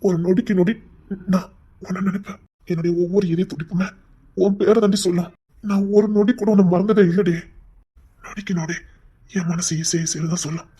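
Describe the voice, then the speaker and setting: A woman acting as a devoted young husband who teases his wife and then pleads his love in a soft voice. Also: on the low side, steady tone, a little fast, long pauses, slightly rough. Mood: tender. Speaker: actor in a romantic couple skit. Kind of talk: acted romantic dialogue.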